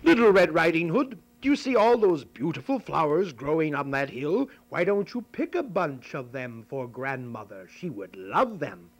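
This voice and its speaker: A man's voice: fairly high pitch, sing-song, highs cut off. A man voicing a sly, nasty male wolf in a fairy tale, drawing out his falsely sweet words. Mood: coaxing. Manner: slow, drawn-out, falsely sweet.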